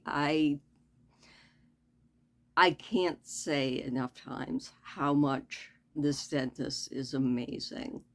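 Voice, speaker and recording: A woman chatting casually in a vlog, with a slight lisp and careful, halting speech as she talks around newly fitted false teeth. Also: sits low. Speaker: vlogger giving a personal update.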